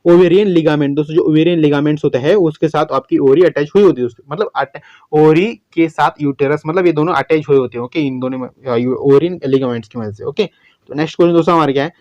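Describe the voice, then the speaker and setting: A man solving exam questions as a biology teacher, chatty, often saying "okay", reading English questions slowly word by word. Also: fairly high pitch, darkish tone, dry recording, dull audio. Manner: chatty, repeats "okay" and "friends", many restarts. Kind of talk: exam-prep lesson, solving MCQs.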